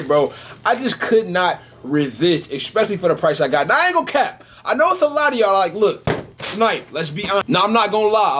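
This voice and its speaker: A young man in a casual, slangy sneaker vlog, talking straight to his viewers, slightly slurred from freshly tightened braces. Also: high voice. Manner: slangy, animated, addresses viewers directly. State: sore mouth from tightened braces, some slurring. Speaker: sneaker vlogger. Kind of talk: casual unboxing chat.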